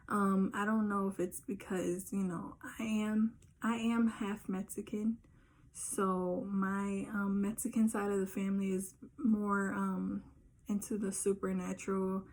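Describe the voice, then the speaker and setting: A young woman YouTuber tells a personal story in a casual, earnest, insistent way, talking straight to her viewers. Her mid-range voice has a darkish tone, and the recording is rough.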